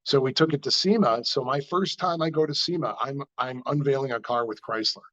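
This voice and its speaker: A New man with a mid-range voice spins shop stories in a relaxed interview, jumping up in pitch whenever he acts out what someone said. The recording sounds a little dull and lo-fi. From New York. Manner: animated storyteller acting out dialogue with quick pitch jumps. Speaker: car builder and shop owner. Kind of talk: casual storytelling interview.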